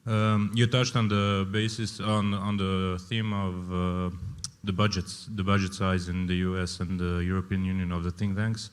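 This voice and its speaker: Very deep, flat-voiced man. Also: clean tone. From Croatia. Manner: hesitant, halting phrasing. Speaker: audience member asking a question. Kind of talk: conference audience question. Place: large conference hall. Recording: long hall reverb.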